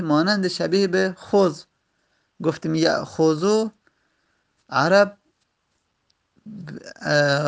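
A man with a gravelly, slightly high voice teaches a grammar lesson. He works through each rule step by step and pauses between short phrases. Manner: methodical, explains step by step with pauses.

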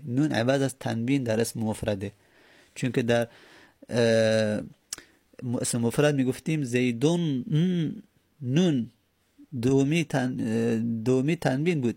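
A man's voice: medium pitch, a little mellow. A man teaching Arabic grammar, explaining patiently step by step and repeating his examples. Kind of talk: explaining lesson.

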